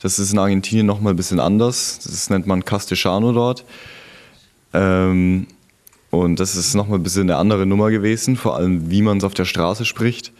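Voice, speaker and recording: This young adult, a Frankfurt native living in Franconia, appears as an interview guest recounting his experiences as a returned volunteer abroad. He speaks in a low-pitched, darkish voice with a steady tone and moderate pace, keeping things casual and conversational.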